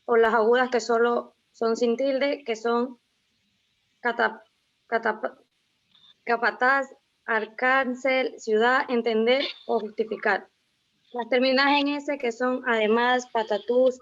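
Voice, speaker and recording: A young woman from Ecuador giving a class presentation as a student, reading out rules and lists of example words with a few restarts. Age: young adult. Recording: muffled low-fidelity recording.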